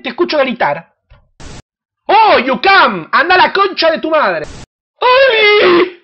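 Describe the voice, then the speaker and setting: A host with an Argentine accent, brashly teasing and shouting insults at strangers in a crude comedic video chat. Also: high-pitched. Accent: Argentine Spanish. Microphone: computer webcam mic. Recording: dull lo-fi webcam audio with faint hiss.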